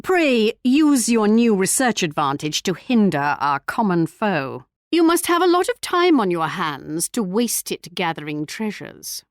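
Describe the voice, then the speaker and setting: A woman's voice: mid-range voice, sing-song, unhurried, hardly any pauses, no room sound, studio quality. A woman playing a haughty, sly English queen in a video game, with a regal, arch and mock-polite manner. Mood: condescending. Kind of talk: video game character voice lines.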